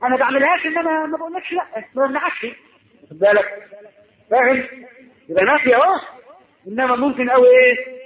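A man's voice: very high-pitched, fast talker, pauses often, phone-quality sound, slight background noise. A man with an Egyptian Arabic accent gives a colloquial religious lesson on Arabic grammar, asking his audience questions and answering them himself. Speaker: preacher teaching Arabic grammar.

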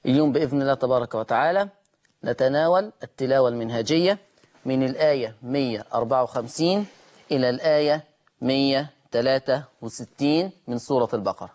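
A man with an Egyptian Arabic accent who hosts a Quran recitation lesson, opening with slow chanted verse and then explaining recitation rules in brisk talk. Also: mid-range voice, a little mellow.

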